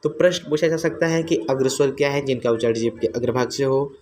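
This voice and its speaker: Male teacher, mid pitch, repetitive question-and-answer delivery, faint background noise. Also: fast, darkish tone. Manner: asks and answers his own questions, repeats terms. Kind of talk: exam-prep grammar lesson.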